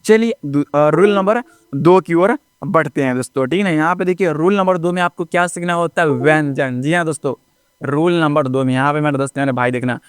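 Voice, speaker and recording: A man teaching a basic lesson, talking repetitively and often checking in with his viewers as friends, spelling out letters slowly one by one. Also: on the high side, clear, resonant tone, no echo, clean studio sound. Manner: drawn-out letter-by-letter recitation. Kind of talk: classroom-style lesson narration.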